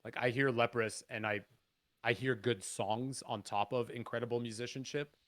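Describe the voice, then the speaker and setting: A Canadian man with a low, raspy voice appears as a guest musician on a podcast, chatting casually. He's animated, swears freely, and talks in quick, excited bursts.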